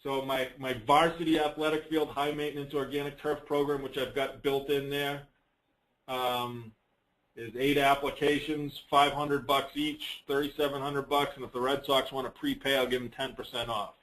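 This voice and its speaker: A man gives a casual software walkthrough on a conference call without a script, rambling a little as he thinks aloud. He has a medium pitch with little variation and speaks at normal speed; the recording quality is low.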